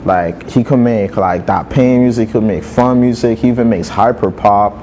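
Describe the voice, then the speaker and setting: A man's voice: on the low side, moderate pace, darkish tone, slight background noise. A man in his twenties from Saint Martin, a music manager and show promoter, talking casually in an interview and filling his speech with "like". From Saint Martin, French side. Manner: laid-back, peppers speech with "like".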